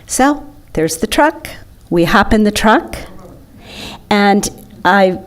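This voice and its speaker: A woman's voice: medium pitch, lively intonation, slow. A woman giving an enthusiastic, chatty slideshow talk to an audience. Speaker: presenter.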